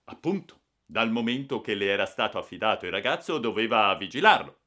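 A man's voice: fairly low pitch, lively intonation, fairly quick, sharp tone. A man voicing officious male train officials who speak firmly. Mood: stern. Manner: firm, officious.

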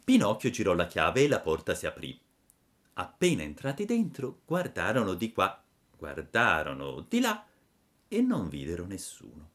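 A man narrating a classic children's story, unhurried and expressive. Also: deep voice. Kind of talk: storybook reading.

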